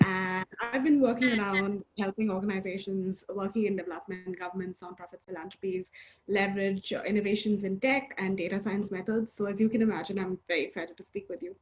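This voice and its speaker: A woman's voice: medium pitch, steady tone, a little fast. An eager woman from India introduces herself and lists her work. The video call audio sounds a little dull. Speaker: graduate student. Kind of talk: short self-introduction.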